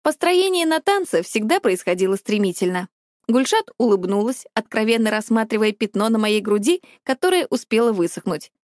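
A woman narrates a first-person story with a wry, expressive delivery. Her fairly high voice moves in a lively way through each line. The recording is dry and close. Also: brisk, dry recording. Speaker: audiobook narrator.

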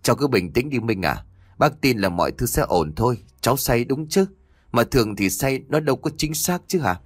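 A man's voice: medium pitch, lively intonation, normal speed, no echo, lightly acted. A man playing a middle-aged uncle who soothes and reassures patiently. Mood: reassuring.

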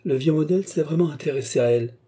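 A man reading aloud, voicing a cheerful, teasing male painter in a husky, dark voice. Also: fairly high pitch, fast, voice pushed up. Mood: amused. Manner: breezy, teasing.

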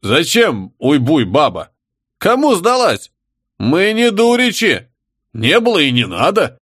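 A man's voice: fairly high pitch, huge pitch swings, slow pace, a bit bright, no room sound, clean studio sound, voice pushed up, full character voice. A man putting on a jeering savage mob. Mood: rowdy. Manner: jeering, crude, bickering. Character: rowdy crude crowd of male savages.

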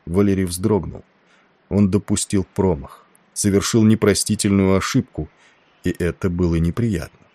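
Male narrator, low mellow voice, steady measured audiobook reading. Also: no echo. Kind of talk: scripted narration.

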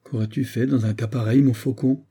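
A man's voice: mid-range voice, fairly even intonation, fairly quick, warm tone, husky. A man voicing an old Romani storyteller by a fire, who speaks in a grave, advising way.

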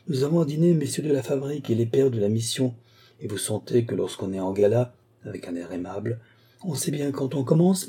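A man reading an audiobook voices a fussy, hurried young abbé. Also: mid-range voice, dark tone, slightly rough, pitched above the performer's own voice, natural voice. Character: jolly young abbé, brisk and self-important.

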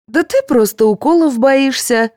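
A woman voicing a kindly, fussing head nurse who coaxes and gently scolds a patient. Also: sits high, unhurried, no room sound, clean studio sound, pitched above the performer's own voice. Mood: scolding.

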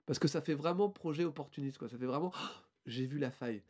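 A man talking on a casual podcast, his voice sitting a little higher than most men's. He rambles through a band presentation, hesitating, restarting and filling gaps with "euh". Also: brisk, a little mellow.

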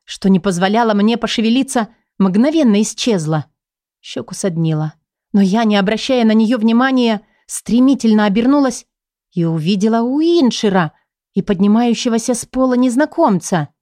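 A woman narrating a first-person audiobook in an expressive, measured way. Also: fairly high pitch, dry recording, studio quality.

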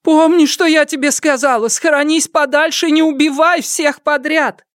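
A man's voice: very high-pitched, fairly even intonation, moderate pace, a bit bright, no echo, clean studio sound, pitched above the performer's own voice. A man doing a fretful old grandmother. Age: older. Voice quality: raised, fretful. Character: anxious elderly grandmother, fussing and urgent.

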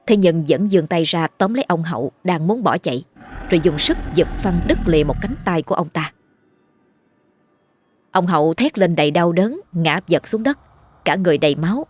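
A woman's voice: lowish voice, darkish tone, no room sound. A woman storyteller giving a dramatic, scripted horror narration. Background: faint music.

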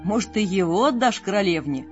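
A man's voice: high-pitched, lively intonation, brisk. A woman doing smug, mocking young brothers. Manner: scornful, mocking. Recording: dull lo-fi with faint music.

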